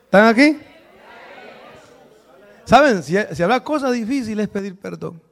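Male pastor with a high voice, church sermon, storytelling with sudden loud exhortation. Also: expressive, unhurried, vocal fry. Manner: storytelling preacher, swings from soft asides to loud exhortation.

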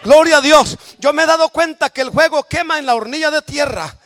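A man from El Salvador with a Salvadoran Spanish accent, preaching a sermon in a church with shouted, emphatic praise cries. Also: extremely high pitch, a little fast.

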